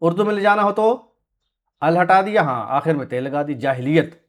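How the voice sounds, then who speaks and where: A man with a voice on the high side teaches Quranic Arabic words to a class, speaking in an animated, slightly fast way. He patiently corrects students' pronunciation and confirms their answers with soft, short replies, clearing his throat often.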